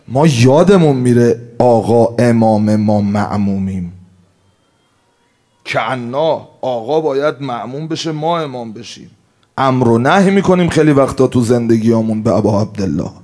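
A man delivers a religious sermon with fervent passion. His pitch sits mid-range, and he swings from hushed, slowed storytelling to loud, emphatic outbursts. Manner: impassioned, rises to emphatic outbursts then drops low. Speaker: preacher.

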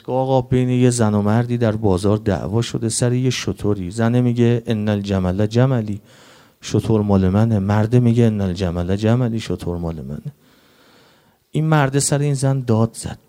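A male preacher giving a Shia mourning sermon in a quick, conversational way, reciting Arabic quotations along the way. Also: lowish voice, warm tone.

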